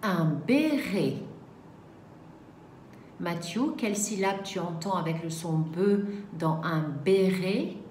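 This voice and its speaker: A woman teaching a reading lesson to young children, sounding out each syllable slowly and carefully. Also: fairly low pitch, a little mellow. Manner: slow, carefully articulated syllables. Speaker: primary school teacher. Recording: echoey room, faint background noise.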